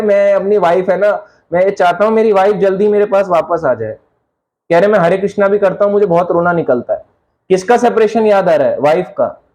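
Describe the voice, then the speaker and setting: High-voiced man giving a jokey devotional talk. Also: darkish tone, rough recording. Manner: chatty, jokey, laughs at own stories. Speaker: lecturer on devotional scripture. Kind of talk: Hindi spiritual lecture with anecdotes.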